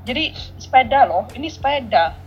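A woman in her thirties telling a childhood story as a podcast co-host, animated and laughing often. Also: high voice, moderate pace, slightly rough, muffled recording, faint music behind. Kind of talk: casual storytelling chat.

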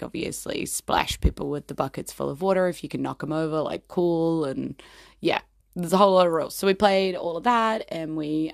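A woman in her thirties with a New Zealand accent and a hoarse, croaky voice, rambling casually as the host of her own show. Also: deep voice, no echo, clean studio sound. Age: 30s. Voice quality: croaky, gravelly. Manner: chatty, rambling. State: hoarse, voice nearly gone from partying. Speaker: host of a personal episodic show.

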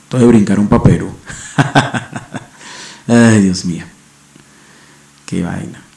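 A man's voice: low-pitched, measured pace, creaky, dark tone, reverberant. A man from Venezuela with a Venezuelan accent, rambling slangily with profanity and restarts in a casual monologue as a podcast host on a home microphone. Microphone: home microphone setup.

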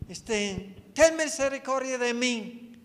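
A man voicing a desperate blind beggar who cries out loudly and pleads. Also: high voice, lively intonation, drawn-out words, long reverb tail, full character voice. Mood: pleading shout. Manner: shouting, pleading.

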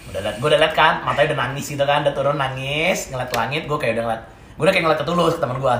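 A young man telling a story as a podcast co-host, casual and slangy, acting out quotes with sudden loud bursts. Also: medium pitch, very fast. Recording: echoey room, faint noise.

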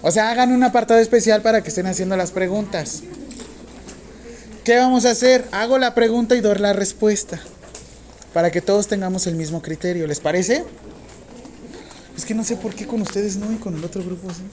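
A woman with a Mexican accent teaching a nursing class, talking casually with slang, dictating slowly and firing questions at the students. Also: medium pitch, darkish tone, a little hiss or hum. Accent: Mexican Spanish. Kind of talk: classroom lecture.

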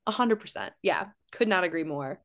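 A woman co-hosting a casual podcast, animated and laughing, often mock-outraged. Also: on the low side, a little fast. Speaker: podcast co-host.

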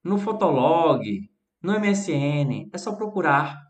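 Brazilian male English teacher, chatty live-stream host, slow delivery, echoey room. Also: a little high, lively intonation. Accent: Brazilian Portuguese. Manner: chatty, answers viewers by name, stretches example words. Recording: roomy echo.

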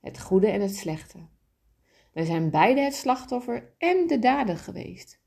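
A woman voicing a kind, loving, wise soul who explains things gently and patiently. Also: mid-range voice, very animated, measured pace, creaky, slightly rough, pitched above the performer's own voice, exaggerated voice. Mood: gentle.

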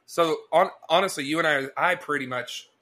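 Young male podcast co-host, bright tone, animated casual storyteller. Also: a little high, moderate pace. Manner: animated, chatty, acts out dialogue.

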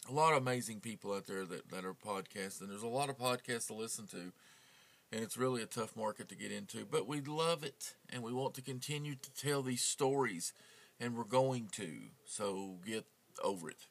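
A man's voice: medium pitch, normal speed, vocal fry. A man hosting a true crime podcast, talking casually and rambling with many fillers and restarts. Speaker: podcast host. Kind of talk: casual podcast outro chat.

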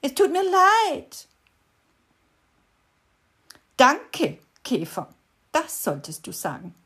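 A woman's voice: wildly swooping pitch, slow pace, exaggerated voice. A woman voicing a whiny, tearful male beetle in a children's storybook reading, howling and sobbing. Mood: whining. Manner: howling, sobbing, high and loud.

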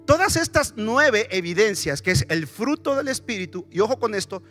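A male pastor with a high, bright voice preaches a lively sermon in a church. He keeps checking in with the congregation through questions while soft instrumental music plays underneath. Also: normal speed. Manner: animated, asks the congregation questions.

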